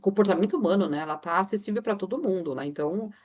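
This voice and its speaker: A woman chats in a book club, wandering from point to point and tagging her sentences with little fillers. Her voice sits at a middling pitch for a woman. The sound is dull and lo-fi, like audio from a video call. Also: fast. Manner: rambling, anecdotal, frequent filler tags. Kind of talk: casual chat.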